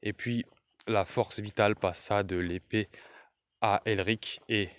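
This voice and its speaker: A man narrates a fantasy novel in a measured, deliberate way. His voice sits low, comes across smooth and resonant, and he keeps an unhurried pace. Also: steady tone, a bit bright. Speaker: audiobook narrator.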